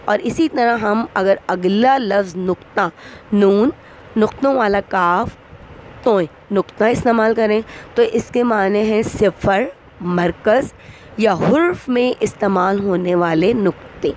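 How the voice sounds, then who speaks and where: A woman teaching an online grammar lesson to schoolchildren, explaining slowly and spelling words out letter by letter. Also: medium pitch, darkish tone, a little hiss or hum.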